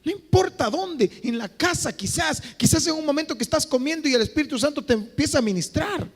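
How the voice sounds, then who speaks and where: Impassioned high-voiced preacher in a hall. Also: male voice, animated, brisk. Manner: impassioned preaching, swinging between loud exhortation and quiet phrases. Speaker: pastor. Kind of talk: sermon. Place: church hall. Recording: reverberant church hall.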